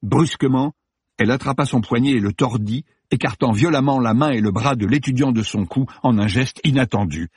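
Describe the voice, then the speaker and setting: A man narrating a thriller audiobook in a measured, dark, unhurried reading, close to the mic. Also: medium pitch, slightly rough, dry recording.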